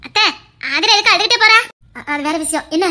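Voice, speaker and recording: An eager, chatty young niece, played by a woman, rushes out her news in a very high voice. She speaks with a Tirunelveli Tamil accent in a homemade comedy serial. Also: bright, forceful tone.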